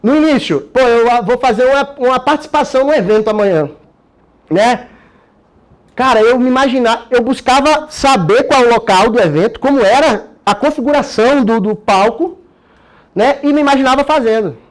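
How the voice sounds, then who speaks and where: Moderately paced and very high-voiced, a Brazilian man with a Brazilian Portuguese accent gives a casual explanatory talk as a course participant on how he gets himself ready. He's energetic, peppering his speech with slang and tag questions.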